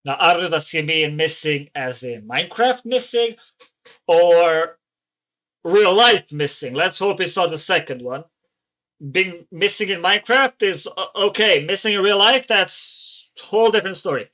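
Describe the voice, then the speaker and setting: Chatty reaction guy, swears a lot, bright and kinda high voice. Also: animated, normal speed. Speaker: reaction channel host. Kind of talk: casual reaction commentary.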